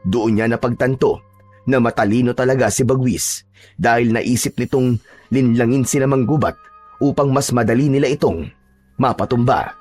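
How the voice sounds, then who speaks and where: A man narrating a horror folk tale in an even, unhurried storytelling manner. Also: medium pitch.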